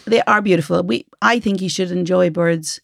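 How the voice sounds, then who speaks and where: A woman's voice: on the low side, moderate pace, vocal fry, no echo, studio quality. A woman from Ireland co-hosting a podcast in casual chat, bantering, laughing a lot and giving advice. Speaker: podcast co-host.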